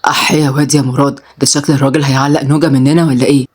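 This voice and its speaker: A woman's voice: very deep voice, level tone, very fast, husky, pitched below the performer's own voice. Woman doing a playful mocking young Egyptian man. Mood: teasing. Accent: Egyptian Arabic. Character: teasing joking young man.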